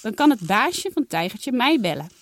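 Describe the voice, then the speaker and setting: Woman reading a calm, firm mom. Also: on the high side, normal speed, dry recording, heavily acted. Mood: motherly. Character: kind, firm mother of two girls.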